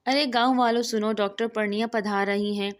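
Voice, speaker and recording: A woman's voice: mid-range voice, fairly even intonation, lightly acted. A woman reading as a cheeky young village man. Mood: teasing. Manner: teasing, cheeky.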